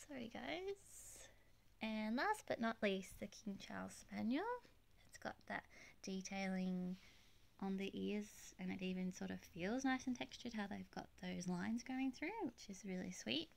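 In her bedroom, a woman narrates a casual tour of her plush toy collection while holding a phone camera, staying off-screen. Her medium-pitched voice is a bit croaky since she's unwell. She's gushing and chatty, with soft giggles.

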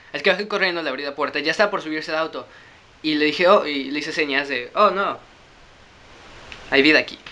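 A man vlogging, telling a comic story in a rapid, exaggerated way, often correcting himself. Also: mid-range voice, pushed and bright, a little hiss or hum.

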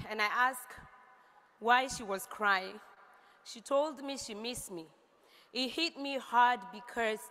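A woman from South Sudan reading an emotional, grateful success speech on a large stage, sometimes rising to shouts. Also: a little high. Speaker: stage speaker at a company event. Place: large stage with reverberant hall. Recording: long hall reverb from stage.

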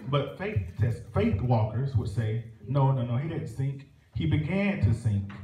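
A young preacher with a Southern US accent leads sermon and prayer with rhythmic call-and-response, his medium-pitched voice expressive, mellow and a little slow. The pulpit stand mic and far camera pick up a distant, echoey church, organ music and slight background noise.

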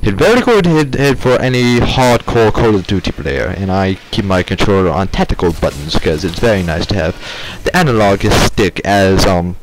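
Over game gunfire and artillery noise, a deep-voiced man rambles through casual gameplay commentary, drifting in and out of a put-on odd accent. He talks at normal speed with few pauses but many fillers and restarts. A sensitive desk mic picks him up.

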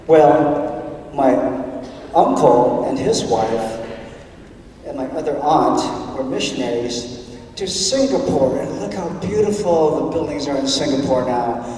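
A man's voice: medium pitch, animated, takes it slowly, a little mellow, a little hiss or hum. A man giving a children's story in church, asking the kids questions as he talks. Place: large church sanctuary. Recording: echoey church hall from far off.

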